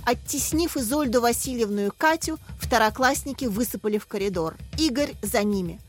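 A woman narrating a children's story in a lively, expressive manner. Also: fairly high pitch, a little fast, faint music behind. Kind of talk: storybook reading.

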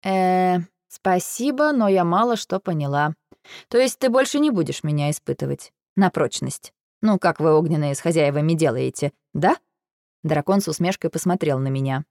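A woman reading a first-person audiobook, lively and exasperated in her delivery. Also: low voice, normal speed, dry recording, studio quality. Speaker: audiobook narrator.

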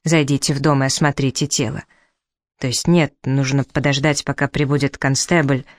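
Man doing a raging, shouting old professor. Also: mid-range voice, little pitch movement, normal speed, no room sound, studio quality, close to an everyday voice. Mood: agitated. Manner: shouting, furious, exasperated. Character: hot-tempered shouting elderly male professor.

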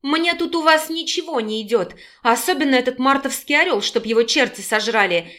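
Storybook heroine: young, fiery, sarcastic and sharp-tongued , read by a woman. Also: high voice, fairly quick. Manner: sarcastic, yelling.

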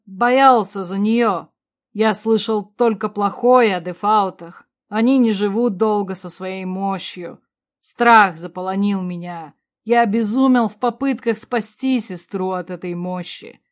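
A woman reading an audiobook, voicing an older remorseful king father who mutters slowly and loudly. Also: medium pitch, natural voice. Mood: remorseful, muddled. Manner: slow, loud, mumbling.

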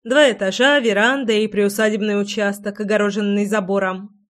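A woman narrating a fantasy audiobook with an expressive, dramatic reading. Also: mid-range voice, moderate pace. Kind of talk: scripted narration.

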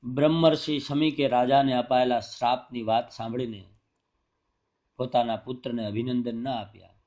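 A man narrating a sacred text in a steady, even reading voice. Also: medium pitch, moderate pace, highs cut off. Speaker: scripture reader.

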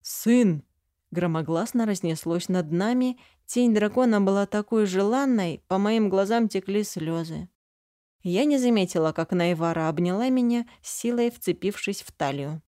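Woman audiobook narrator, expressive first person, mellow, dry close sound. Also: medium pitch, normal speed, dry recording.

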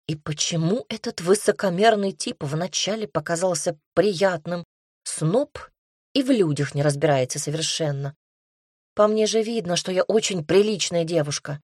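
A woman narrates a first-person fantasy audiobook with lively, wry irony. Her voice sits on the low side for a woman. The recording is close and dry, with no room sound. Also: moderate pace, husky, no room sound.

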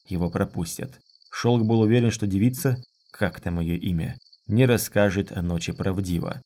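A man narrating a fantasy audiobook in a measured, even reading. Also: deep voice. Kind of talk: scripted narration.

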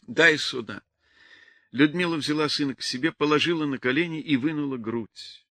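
Man, audiobook narrator, expressive storytelling, bright tone, dry studio. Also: fairly high pitch, fairly quick, dry recording. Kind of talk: scripted narration.

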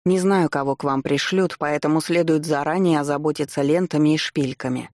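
Reader doing a prim, stern governess. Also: female voice, low-pitched, a little fast, a little mellow, no room sound, clean studio sound, lightly acted. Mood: instructive. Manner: prim, instructive. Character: strict proper governess, middle-aged, stern.

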